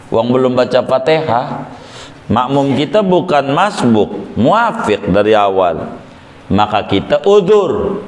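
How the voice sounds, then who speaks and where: A man teaching a weekly religious law lesson in a lively, joking way, acting out worshippers. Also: on the high side. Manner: lively, jokey, acts out worshippers. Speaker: Islamic teacher. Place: prayer room. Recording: echoey prayer room.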